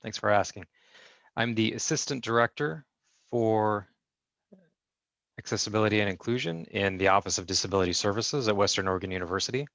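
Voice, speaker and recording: Heard through a video call, this man interprets sign language, speaking a deaf guest's replies as "I" at a measured pace full of fillers and restarts. His voice is on the low side, gravelly and fairly bright, in a dry recording.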